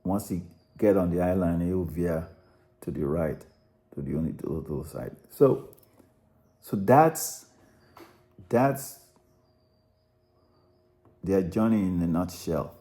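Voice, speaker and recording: A Nigerian man with a low-set, dark and mellow voice. He narrates in an easy, unscripted way. He repeats and restarts phrases while explaining. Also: expressive, slow pace, long pauses. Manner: rambling, self-correcting, repeats words. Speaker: narrator analysing a song. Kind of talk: unscripted spoken commentary.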